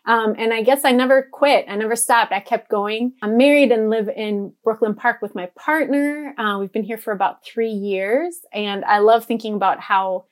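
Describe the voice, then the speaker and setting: A woman's voice: a little high, fairly even intonation, moderate pace, hardly any pauses. A woman in her thirties from Guatemala, a podcast guest speaking in an earnest, flowing way with fillers. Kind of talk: casual podcast conversation.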